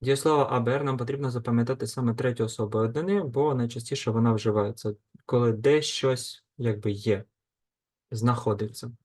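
A man teaching a grammar lesson, slowly and deliberately reading out lists of verb forms and explaining them. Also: medium pitch. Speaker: language teacher.

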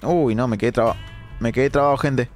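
Hombre ronco comentando partida. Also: male voice, mid-range voice, brisk, faint music behind. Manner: animated, dramatic outbursts at the game. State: hoarse, sore throat. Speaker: gaming streamer. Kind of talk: live-stream gameplay commentary.

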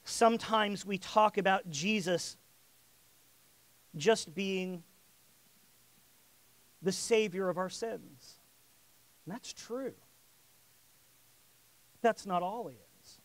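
A man delivers a sermon in a notably high voice, recorded close and dry. He rises in force on his key lines and doubles back on words as he searches for phrasing. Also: very slow, pauses often, no room sound. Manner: builds in volume and emphasis on key lines. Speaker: preacher.

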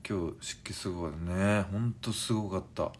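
A man in his forties chatting on a live stream and reading viewer comments, in a languid, drowsy-sounding, unhurried way. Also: sits low, a little hiss or hum. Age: 40s.

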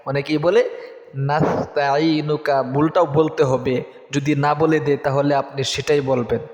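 A man teaching a prayer as a repeat-after-me drill, urging listeners and then chanting each phrase slowly. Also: a little high, fairly even intonation, a little mellow. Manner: urgent exhortation, then slow drawn-out chanted syllables. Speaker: religious teacher. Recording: echoey room with long reverb.

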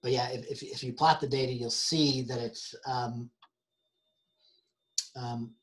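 A man teaching an online help session, halting with many fillers and restarts, and losing his voice. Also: mid-range voice, fairly even intonation, fairly bright tone. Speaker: university instructor.

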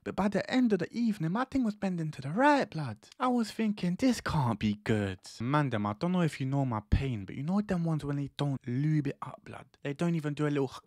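A man's voice: on the high side, animated, fast talker, few pauses, a little mellow, no room sound. A man in his twenties with an East London roadman accent, telling a casual comic story in street slang with emphatic delivery into a close microphone. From East London, England. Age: 20s. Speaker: YouTube storyteller. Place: small indoor room. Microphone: close studio microphone on boom arm.

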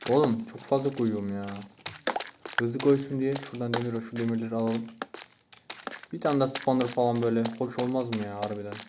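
A young man giving Minecraft let's-play commentary, talking himself through the game, muttering to stay calm and breaking into excited yelps. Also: medium pitch, brisk. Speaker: gaming YouTuber. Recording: noisy home recording with keyboard clicks.

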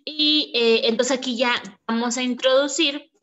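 Slow-talking woman teaching online. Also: high voice, fairly even intonation, fairly bright tone. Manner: chatty, thinks aloud while typing. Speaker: online marketing instructor. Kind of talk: live screen-share tutorial. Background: keyboard typing and clicks.

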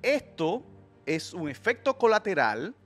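Guy in his 30s hosting a heated debate, kinda high voice, faint music under it. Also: big pitch swings, measured pace. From Dominican Republic. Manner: emphatic, gestures a lot, interrupts to steer. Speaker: host. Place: dark studio. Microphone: desk mic on boom arm.

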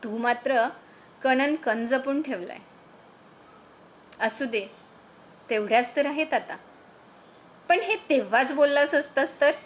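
A woman's voice: high-pitched, slow, pauses often, slight background noise. A woman reading the part of a woman chatting with an old college friend, teasing and probing. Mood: wistful. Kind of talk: storytelling reading.

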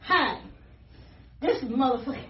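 A woman's voice: high voice, lively intonation, measured pace, a little hiss or hum. A middle-aged woman ranting with nonstop swearing and half-laughing anger, out of breath, filmed by someone else's phone in a house. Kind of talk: profane exasperated rant. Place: indoors in a house. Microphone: phone held by someone filming her. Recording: roomy, distant, dull phone audio.

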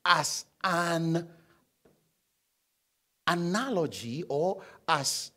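A young pastor speaks very slowly and expressively in Nigerian English, preaching from the stage of a large church auditorium into a handheld mic. He paces while prompting the congregation to read aloud and respond, switching between forceful emphasis and low asides.

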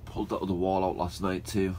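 Relaxed low-voiced Northern English camper. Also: male voice, fast talker, slight background noise. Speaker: camping vlogger. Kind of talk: casual outdoor vlog narration. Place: outdoors at a woodland camp by a fire.

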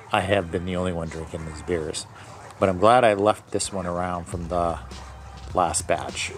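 A man reviewing his own home-brewed beer in a casual tasting video, thinking aloud and correcting himself as he goes. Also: deep voice. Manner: describes aromas and flavors in detail.

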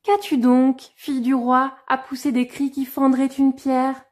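A woman voicing a pleading, insistent little frog at a well in a fairy-tale reading, calling out high and loud. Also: little pitch movement, measured pace. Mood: coaxing. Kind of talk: storybook reading.

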